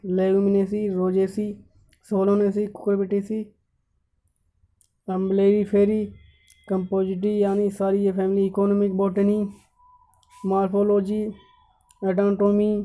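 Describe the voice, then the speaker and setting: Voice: mid-range voice, dark tone. A teacher on a video channel reads out an exam syllabus topic by topic and stops to point out mistakes in it. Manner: lists topics one by one, stopping to correct errors. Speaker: YouTube teacher.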